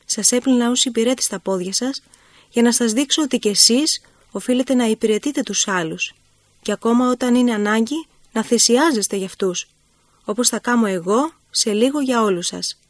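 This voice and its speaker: A woman reading the words of Christ as a gentle, grave man, in slow, solemn, measured speech. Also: on the high side, no room sound, lightly acted.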